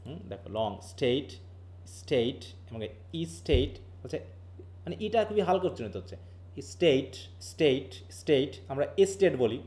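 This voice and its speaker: A man's voice: medium pitch, animated, brisk, dark tone. A man from Bangladesh teaches linguistics in a live online class. He explains patiently, mixes in English terms, and keeps asking his students questions.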